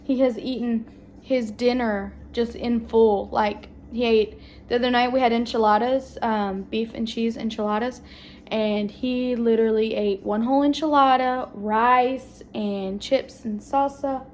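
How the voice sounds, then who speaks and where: A young woman talks casually to her phone camera at home, rambling from one family story to the next. Her voice sits a little high, and a faint hum of the house is heard behind her. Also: steady tone, measured pace, darkish tone. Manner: chatty, rambling, southern-tinged "y'all". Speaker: family vlogger. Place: at home indoors.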